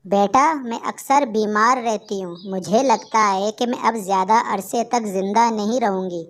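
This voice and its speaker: A woman voicing a tender, ailing mother kite bird in a cartoon, speaking gently and protectively. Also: mid-range voice, normal speed, natural voice. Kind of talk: Hindi cartoon voice acting.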